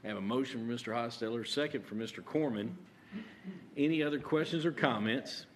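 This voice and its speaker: A man chairing a county court meeting as judge, halting with many fillers and restarts. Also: mid-range voice, slight background noise.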